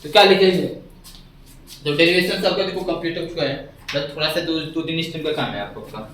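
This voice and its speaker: A man's voice: on the high side, a little fast, fairly bright tone, a little hiss or hum. A man teaching a physics class, who keeps asking his students questions and repeating the key words back to them. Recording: echoey room, mic far off.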